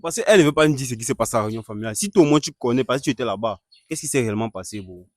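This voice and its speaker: A man hosting a staged street-interview skit, questioning a couple and repeatedly urging an angry guest to calm down. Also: medium pitch, racing, dry recording, clean studio sound. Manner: keeps urging calm, repeats calming phrases.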